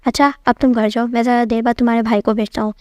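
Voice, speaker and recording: Woman doing a bearded old dwarf who preaches, scolding with sayings; her slightly high, flat, steady voice carries him in a dry, close storybook reading. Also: no room sound, natural voice. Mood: lecturing. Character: bearded old male dwarf sage, lecturing. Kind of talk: storytelling narration.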